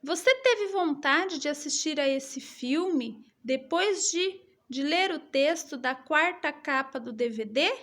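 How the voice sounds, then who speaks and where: Woman, Brazilian Portuguese accent, teacher, high voice, very slow, clearly stressed reading to children. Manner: slow, expressive reading with exaggerated intonation. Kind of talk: reading a lesson aloud to schoolchildren.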